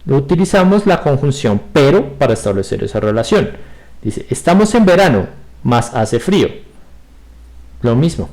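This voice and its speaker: A middle-aged man teaching a virtual grammar class, explaining patiently and often pausing to check that students follow. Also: mid-range voice, animated, darkish tone. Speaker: school teacher. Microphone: computer mic on a video call.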